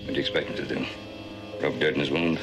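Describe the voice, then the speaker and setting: An actor playing a stern ranch father who speaks with firm, measured authority in a 1960s TV western. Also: rumbling low, fairly even intonation, over music.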